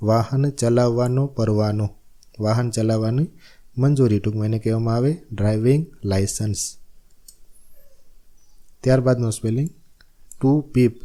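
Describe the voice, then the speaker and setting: Teaching spelling in a steady classroom rhythm, this Gujarati-accented man from Gujarat, India, has a very dark, mellow voice at medium pitch. Each word gets spelled out one letter at a time, followed by a repeat of its meaning.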